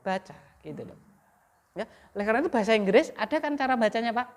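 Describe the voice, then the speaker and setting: A woman teaches Arabic grammar in a classroom lesson, quizzing students by leaving sentences half-finished for them to complete. Her voice is a little high, animated, and fast.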